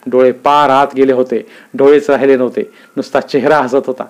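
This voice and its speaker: A man's voice: medium pitch, little pitch movement, moderate pace. Man narrating a dramatic story.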